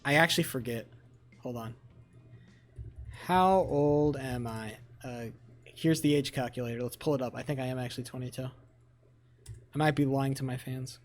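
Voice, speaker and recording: A man's voice: mid-range voice, moderate pace, pauses often, soft background music. A man in his twenties chatting casually on a live stream, swearing freely and rambling back at his chat. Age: 20s.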